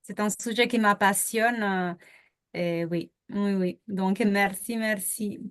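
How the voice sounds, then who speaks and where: A woman's voice: mid-range voice, steady tone, slow pace, a bit bright, clean tone, no room sound, clean studio sound. A woman taking part in a group discussion, answering hesitantly. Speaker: participant.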